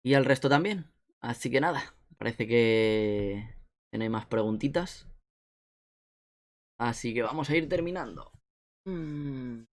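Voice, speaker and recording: A man's voice: mid-range voice, measured pace, long pauses. A young man from Spain with an Asturian accent, chatting casually on a live stream and reading chat messages aloud with a joking tone. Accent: Asturian Spanish.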